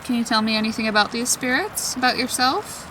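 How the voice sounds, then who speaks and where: A woman talking casually in an excitable, chatty way as she questions spirits aloud in a vlog. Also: on the high side, brisk. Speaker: paranormal investigator. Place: outdoors in a forest at night. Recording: distant mic, clearly noisy outdoor ambience.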